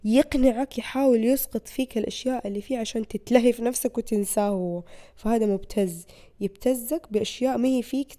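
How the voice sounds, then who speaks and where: A woman's voice: fairly high pitch, fast. A young woman, hosting a podcast as a casual monologue and acting out the people she quotes. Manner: animated, acts out quoted people. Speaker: podcast host.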